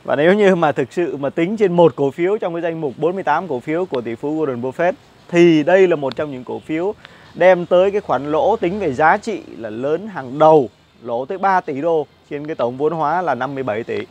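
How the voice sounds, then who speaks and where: A man's voice: on the high side, fairly quick, a little mellow. A man in his thirties giving casual stock market commentary outdoors on a lapel mic, chatty and full of fillers and repeated words. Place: outdoor cafe patio with plants.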